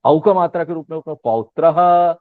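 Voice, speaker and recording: Male teacher, fairly high voice, dry and phone-thin, patient recitation of letters. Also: no room sound. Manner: drawn-out recitation of letters with rising questions. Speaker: Sanskrit teacher. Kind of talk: explaining a language lesson. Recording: tinny phone-line sound, dry.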